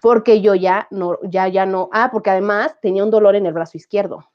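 A woman's voice: mid-range voice, fairly quick, muffled recording. A woman in her thirties with a Mexican accent, a guest telling a personal story in casual conversation and acting out the things people said. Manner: animated, acts out quoted dialogue.

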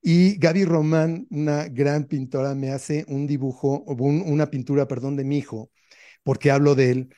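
A man's voice: a little high, fairly even intonation, moderate pace, dark tone. A man with a Mexican accent, a guest author telling stories in an earnest, reflective way during an interview. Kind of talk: interview conversation.

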